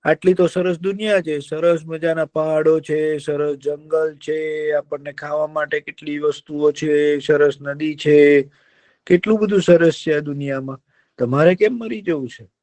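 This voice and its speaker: A man doing a kind, gentle deer. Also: on the high side, steady tone, measured pace, dry recording, pitched above the performer's own voice, lightly acted. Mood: coaxing. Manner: soothing, coaxing.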